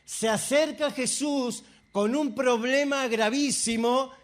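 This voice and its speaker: A male pastor, preaching a sermon with passion, dropping to soft asides and rising to outbursts. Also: very high voice, takes it slowly. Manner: impassioned preaching, swinging between soft asides and raised outbursts.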